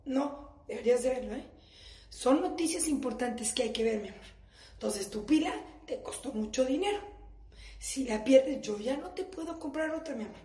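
A woman with a Mexican accent performs a crude stand-up comedy monologue, acting out her family members in turn. Her voice sits high and carries a roomy echo. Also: dark tone. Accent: Mexican Spanish.

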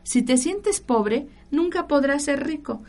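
A woman's voice: sits high, lively intonation, slow, warm tone. A woman hosting a spiritual radio talk, speaking to the listener directly and giving instructions. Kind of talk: radio talk on prayer and angels.

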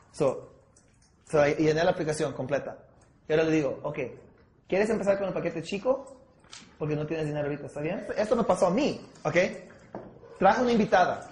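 A man's voice: a little high, a little mellow. A man leading a sales training session, acting out objections with listeners and often checking they follow, mixing in English words. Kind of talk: training talk with role-play. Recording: echoey room.

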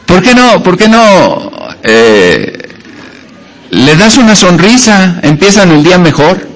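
A man's voice: sits high, very animated, takes it slowly. A male pastor preaching a sermon, telling homely stories and jokes with many hesitations and fillers.

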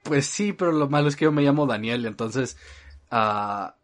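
A man with a Mexican accent in a relaxed, casual chat. He rambles and leans on filler words. His sentences often fade out softly at the end. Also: medium pitch, normal speed. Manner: rambling, frequent filler "este", trailing off softly.

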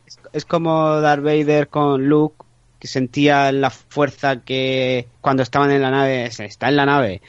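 A man's voice: medium pitch, flat delivery, unhurried, smooth, no echo, lo-fi sound. A man co-hosting a podcast in casual chat, spinning theories with many hesitant fillers. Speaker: podcast co-host.

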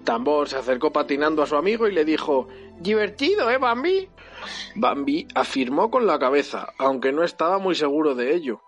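A man's voice: a little high, quick pace, few pauses, highs cut off, soft background music. Man reading a storybook aloud. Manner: animated, expressive bedtime-story reading. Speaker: father reading to his child.

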